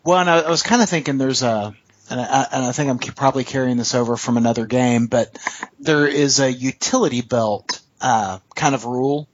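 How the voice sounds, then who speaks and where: A man acting as game master chats casually, interview-style, about tabletop gaming, questioning a player and explaining rules in an agreeable, tentative way. His voice is mid-range and a little fast, and the audio is dull.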